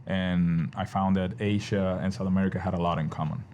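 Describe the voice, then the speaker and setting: Low-voiced man from Venezuela, a chef. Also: brisk, dull audio, slight background noise. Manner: relaxed, explanatory, many restarts and fillers. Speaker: chef and restaurant owner. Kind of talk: casual interview.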